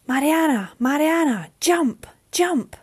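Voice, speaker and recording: A woman reading a storybook aloud and voicing a fierce, protective young mermaid woman who shouts urgently. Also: sits high, measured pace, pitched above the performer's own voice.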